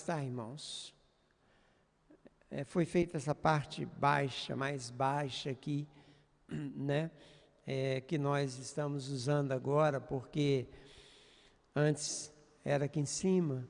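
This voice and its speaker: High-voiced pastor preaching in a church. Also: male voice, a little mellow, in a large hall. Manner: earnest, addresses the congregation, frequent "né" fillers. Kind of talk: sermon.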